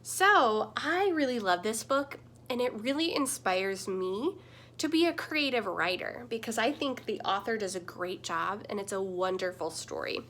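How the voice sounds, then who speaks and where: A young adult woman reads a children's picture book a little slowly, in the gentle, expressive style of a teacher, with a faint hiss or hum in the recording. Her pitch and loudness vary a great deal.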